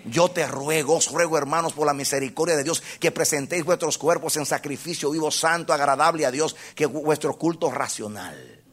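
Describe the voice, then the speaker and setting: A man with a high voice preaches a sermon straight to his congregation. He asks them question after question and repeats key phrases for weight. He drops to a hush, then climbs to full, ringing force. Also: brisk. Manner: impassioned, swings from hushed to loud, repeats phrases for emphasis; addresses the congregation directly with questions.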